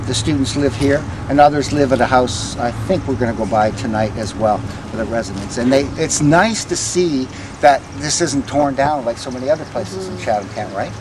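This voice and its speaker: An older man tells stories conversationally as a tour guide to a walking group, pausing hesitantly and letting line ends trail off. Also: medium pitch. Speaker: ghost walk guide, former vice principal. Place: outdoors on a town street. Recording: outdoor street recording with faint traffic noise.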